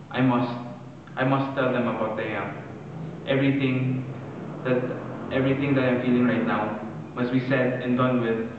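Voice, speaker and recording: A man playing an anxious, lovesick young man in an earnest, declamatory dramatic monologue, speaking in measured phrases. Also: mid-range voice, slight background noise, close to an everyday voice. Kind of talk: dramatic monologue, stage-style recitation. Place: large reverberant room, distant microphone. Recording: muffled tinny echoey hall from far off.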